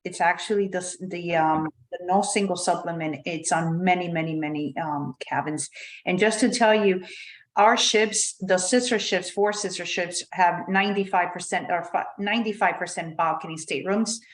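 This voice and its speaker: A woman's voice: lowish voice, normal speed. A woman giving an informal sales presentation and answering questions as a company representative. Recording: echoey, roomy sound.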